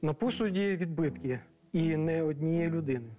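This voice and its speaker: A man's voice: fairly high pitch, normal speed, music in the background, close to an everyday voice. An actor playing a male forensic expert in a docudrama, reporting his findings plainly and factually.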